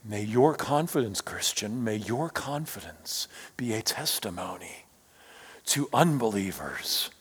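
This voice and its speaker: Male pastor, slow and highly expressive delivery, long church hall echo, swings from loud to hushed. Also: slightly rough. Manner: swells loud then drops to near whisper. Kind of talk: sermon. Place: church sanctuary.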